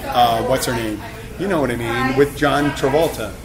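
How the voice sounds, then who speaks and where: A man in his fifties hosting a casual chat, animated and joking as he rambles from one story to the next. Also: mid-range voice, moderate pace. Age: 50s. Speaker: host. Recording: loud crowd chatter behind.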